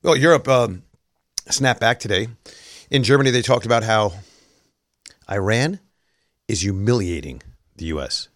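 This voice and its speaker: A man's voice: on the low side, animated, normal speed, long pauses, no echo, studio quality. Sarcastic male talk show host. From New York. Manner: sarcastic, wry asides. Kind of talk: casual political commentary.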